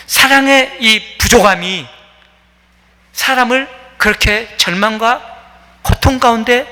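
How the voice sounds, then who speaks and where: A man's voice: high voice, sharp tone. A man preaching a sermon as pastor, telling a story with many fillers and acting out the quoted voices. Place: church sanctuary. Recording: long reverb of a church hall.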